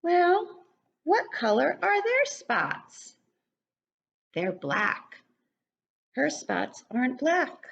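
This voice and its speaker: Reading a picture book to preschoolers at home in her living room, this older woman speaks slowly and expressively in a high, creaky voice, animated and aimed at young children. The audio has a dull, lo-fi webcam quality.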